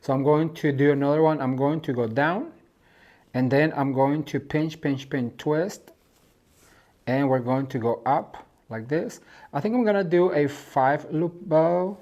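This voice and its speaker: A man's voice: on the high side, a little slow, a little mellow. A man from Mexico hosting a home decor channel, talking viewers through a DIY craft tutorial in a chatty, gushing way and calling them "you guys".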